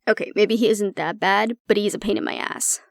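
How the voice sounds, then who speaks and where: A woman plays a frustrated, resigned agent in an intimate audio drama, complaining bluntly and sardonically to the listener about her stubborn, disapproving father, with swearing and a conversational tone. Her voice is creaky and mid-pitched, fairly quick and close to an everyday voice. It is recorded close and dry, with no room sound.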